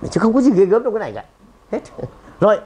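A man giving a lively seminar talk to an audience, emphatic and punchy, often firing questions at the room. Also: high voice, fast talker, breathy edge. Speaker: seminar speaker and trainer.

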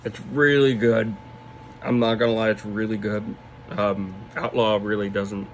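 A man's voice: mid-range voice, slight background noise. Young man talking with a lip full of dip. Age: 20s. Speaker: product reviewer. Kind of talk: casual vlog review, off the cuff. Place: small room indoors. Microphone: phone at arm's length.

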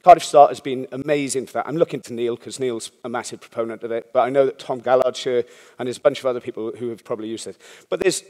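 Speaking fast in a medium-pitched, darkish voice, a startup founder rambles frankly through a conference talk, swearing casually. He keeps checking in with listeners by asking "yeah?", and his words ring with long reverb in the conference hall.

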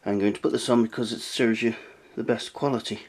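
With a steady, darkish mid-range voice and a fairly quick pace, a British man presents his retro tech review channel. He chats informally through a casual hands-on review and tutorial from a cluttered little room, seated at a desk.

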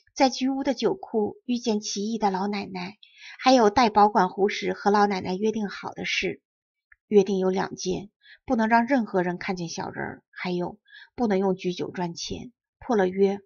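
A woman storyteller reading a fairy-tale audiobook in a clear, measured way, with a husky voice. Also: mid-range voice, fairly even intonation, darkish tone, lo-fi sound.

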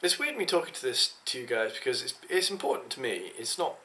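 His voice lands mid-range this time, sing-song and quick, with a pushed, bright quality. The young English vlogger is tired, rambling to the webcam in his small home office and leaning on hesitant fillers, with faint noise in the background.

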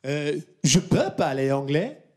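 A man's voice: fairly high pitch, sing-song, takes it slowly. A man playing a pompous fake French folk singer with a thick French accent, performing live comedy. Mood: mock indignant. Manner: hammy, mock-pompous, mixes French and English. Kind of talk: live stand-up comedy song. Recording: live venue with music and loud crowd.

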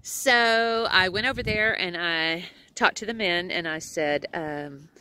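Speaking slowly in a clear, resonant voice on the low side that sounds pushed and bright, a woman in her forties with a Texan accent rambles and laughs often. She's an RV travel vlogger doing a casual selfie chat outdoors at an RV campground, holding her phone camera at arm's length.

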